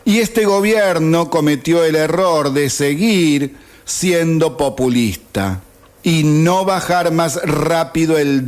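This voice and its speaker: Argentine guy in his 50s reading a radio editorial, slow and sarcastic, kinda high voice. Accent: Argentine Spanish. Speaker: radio host. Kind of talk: read-out opinion editorial. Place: radio studio.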